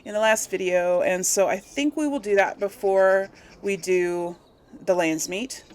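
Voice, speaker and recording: A woman hosts a let's play, chatting informally with her viewers and thinking out loud as she plays. Her voice is mid-range and her pace measured, with a slight hiss or hum in the background.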